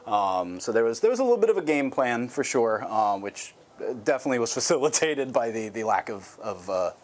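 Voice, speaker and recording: A man walks through his tabletop battle strategy in a casual, hesitant way. His voice sits at a middle pitch. He leans on fillers as he thinks aloud. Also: very animated, brisk. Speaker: tabletop game player. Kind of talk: casual game recap.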